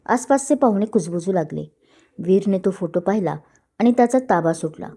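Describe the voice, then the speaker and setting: A woman storyteller calmly narrating her own written story. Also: mid-range voice. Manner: calm, measured narration. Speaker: storyteller and author.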